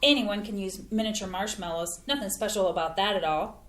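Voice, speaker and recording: In a community theater's staged reading, an actress plays a folksy, talkative Midwestern mom who takes pride in her home cooking. Her medium-pitched, fairly bright voice runs a little fast with a light acted quality, and the room sounds echoey.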